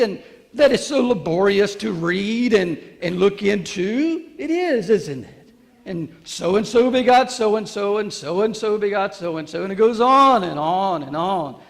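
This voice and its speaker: Casting: male actor as boastful, excitable ancient carpenter for stage monologue; very animated, emphatic, halting delivery, long hall reverb. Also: sits high. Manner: emphatic, halting, repeats phrases, addresses listeners directly. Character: proud, excitable Joseph of Nazareth, carpenter returned from heaven. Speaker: monologue performer. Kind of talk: theatrical church monologue.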